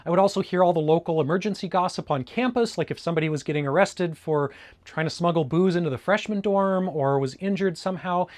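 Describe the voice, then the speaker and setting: A middle-aged man from Alaska with an American accent hosts a hobbyist vlog, explaining things casually and informatively. His voice is on the high side with a darkish tone, and he talks quickly.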